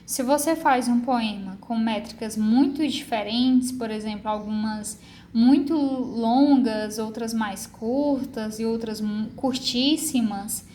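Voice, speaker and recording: A woman teacher with a Brazilian Portuguese accent giving a recorded lesson, patiently explaining and slowly spelling out syllables. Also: fairly high pitch, darkish tone, slight background noise. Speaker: literature teacher.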